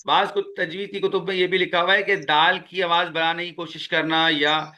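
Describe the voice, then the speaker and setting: A man leads a spoken tajweed lesson in a small classroom, with a student sitting in. His voice sits a little high and rings bright and forceful. He is patient and repeats each key sound slowly. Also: level tone. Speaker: Quran recitation teacher.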